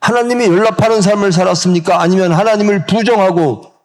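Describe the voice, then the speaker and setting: In a church sanctuary, the middle-aged preacher delivers his sermon fast, asking the congregation questions and dramatizing the voices he cites. His voice is high and a little mellow.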